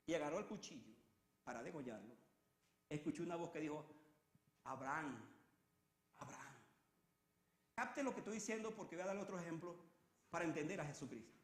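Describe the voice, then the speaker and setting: A man preaching a sermon in a dramatic way, swinging from loud climaxes to hushed, low repetitions. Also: roomy sound.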